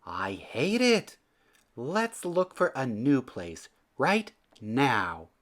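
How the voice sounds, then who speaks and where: A man's voice: mid-range voice, very animated, drawn-out words, fairly bright tone, pitched above the performer's own voice, exaggerated voice. A man voicing a fussy, decisive female bird, the wife in a children's storybook, speaking emphatically. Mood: fed up.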